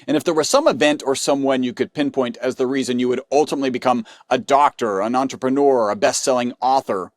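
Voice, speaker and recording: A man's voice: medium pitch, no room sound, studio quality. A man hosting a health podcast, introducing his guest and asking questions in an upbeat, conversational way. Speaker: podcast host.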